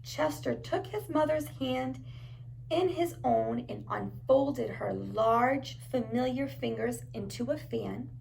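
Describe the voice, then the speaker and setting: A woman's voice: on the high side, slow, gravelly, a little mellow, a little hiss or hum, poor audio. A woman reading a storybook aloud to young children like a preschool teacher, adding encouraging asides and simple questions.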